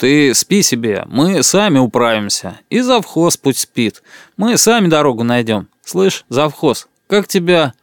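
A man reading an audiobook plays a loud, boastful middle-aged boss who has been drinking and lectures people. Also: a little high, very animated, unhurried, dry recording, studio quality. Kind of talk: audiobook character voice.

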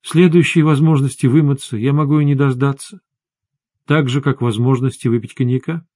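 A tired, stern sorceress speaks in low, measured tones, voiced by a man reading an audiobook. The voice sits at a middling pitch. The recording is dry and close. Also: steady tone, warm tone, no room sound, close to an everyday voice. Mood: grave. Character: weary, stern female sorceress.

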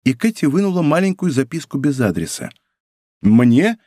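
A man's voice: mid-range voice, very animated, moderate pace, darkish tone, no room sound, clean studio sound. A man reading a novel aloud as an audiobook narrator, telling the story expressively. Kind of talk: scripted narration.

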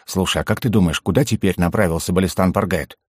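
A man's voice: low voice, quick pace, a little mellow, breathy edge, no echo. A man voicing a mischievous young male goblin jester with a cheeky, pestering manner, in a dry, close recording. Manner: cheeky, pestering, innocent-sounding.

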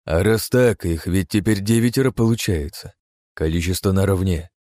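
A man voicing a furious, greedy aristocrat who shouts and snarls. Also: on the low side, moderate pace, no echo, clean studio sound, voice pushed up, close to an everyday voice. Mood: gloating. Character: furious greedy middle-aged male aristocrat.

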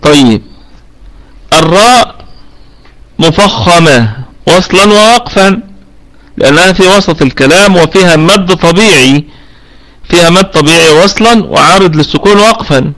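A man with an Egyptian accent teaching Quran recitation rules in a live online class, explaining patiently and often checking that students follow, slowing down to demonstrate how words are recited. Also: sits high, animated, fairly bright tone, low-quality recording. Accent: Egyptian Arabic. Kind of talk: live online tajweed lesson. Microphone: online voice chat room.

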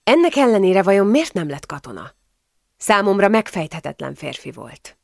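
A woman's voice: mid-range voice, sing-song, creaky, no room sound, clean studio sound. A woman narrating a historical novel as an audiobook reader, giving the characters light shifts in her reading.

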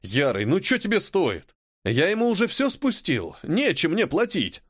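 A man's voice: sits high, wildly swooping pitch, moderate pace, no echo, clean studio sound, pitched above the performer's own voice, full character voice. A man voicing a whining, wheedling teenage schoolboy who pesters his classmate, in an audiobook. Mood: whiny. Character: whiny cowardly teenage boy, a pestering schoolmate.

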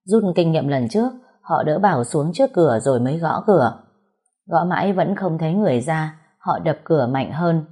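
Woman, audiobook narrator, steady expressive reading, mellow, husky. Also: deep voice, normal speed. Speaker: storyteller.

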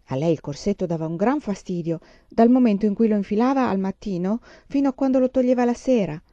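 A woman reading a storybook aloud in a calm, measured narration. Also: medium pitch, dry recording, lo-fi sound. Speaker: audiobook reader.

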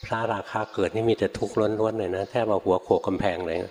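Older man, monk, low voice, easygoing sermon, long hall echo. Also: fast talker. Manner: relaxed, conversational teaching with frequent particles and anecdotes. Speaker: Buddhist monk teacher. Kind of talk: Dharma talk.

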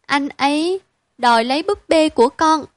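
A woman's voice: sits high, moderate pace, dry recording, pitched above the performer's own voice, lightly acted. A woman voicing a small tearful girl telling on her brother, in a storybook reading. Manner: soft, sniffly complaining.

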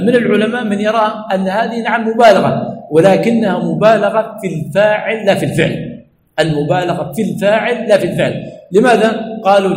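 A man's voice: high-pitched, darkish tone. A man giving an Islamic lesson, repeating key words and asking "what?" before each answer. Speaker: religious teacher. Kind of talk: Islamic lesson, call-and-response questioning. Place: teaching center hall. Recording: echoey hall with faint background noise.

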